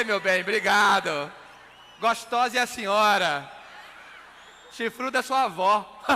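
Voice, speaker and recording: A man's voice: sits high, sharp tone. A man with a Brazilian accent from Minas Gerais giving comic stage talk as a conversational showman who repeats words for emphasis. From Belo Horizonte, Brazil. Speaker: magician, comedian and motivational speaker. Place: on stage in a hall. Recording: reverberant hall sound.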